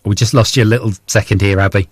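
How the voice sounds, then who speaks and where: Quick-talking male radio host, dry studio sound. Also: fairly low pitch, steady tone, dry recording. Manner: chatty, with frequent restarts. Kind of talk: casual radio interview.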